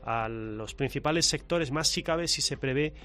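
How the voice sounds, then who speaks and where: A man anchoring a regional radio news bulletin with a steady, formal delivery. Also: a little high, normal speed.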